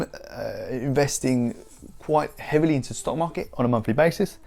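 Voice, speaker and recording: A man's voice: mid-range voice, creaky, a little mellow. A man in his thirties explaining investing casually to camera, rambling with frequent restarts. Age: 30s. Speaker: investing YouTuber.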